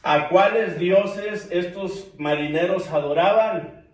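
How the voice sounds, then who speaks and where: A preacher with a high voice speaks slowly while teaching a bible class at church, addressing the listeners as brothers and putting questions to the class. He's picked up by a distant mic in an echoey church room.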